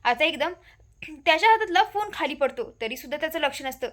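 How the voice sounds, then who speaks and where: A woman's voice: sits high, lively intonation, fairly quick, a bit bright. A woman casually retelling a TV serial episode in a repetitive, run-on narrating manner. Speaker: storyteller.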